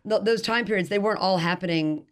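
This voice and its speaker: A middle-aged woman in conversation, rushing through her thoughts at a rapid clip. She rambles and restarts, and she often laughs at herself. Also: medium pitch. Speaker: author guest. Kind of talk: casual interview chat.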